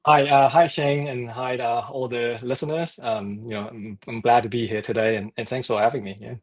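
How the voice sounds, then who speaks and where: Kiwi-male guest, mid-range pitch, halting and filler-heavy, speaking remotely. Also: fairly even intonation. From New Zealand. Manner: halting, many fillers, laughs lightly. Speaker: guest, startup co-founder. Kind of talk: casual interview chat.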